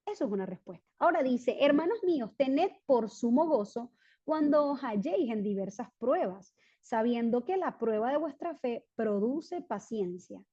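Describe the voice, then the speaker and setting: A woman preaches with a high, mellow voice, telling stories and acting out the people she quotes. The recording sounds dull and lo-fi. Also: moderate pace, breathy edge. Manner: lively storytelling, acts out quoted voices. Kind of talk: sermon.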